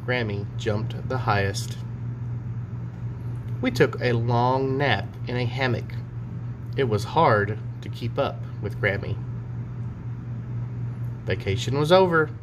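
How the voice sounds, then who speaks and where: Like a teacher, a man in his forties talks with young children and reads them a storybook in simple language. He speaks slowly in a mid-range voice, pausing often, over noticeable background hum and noise.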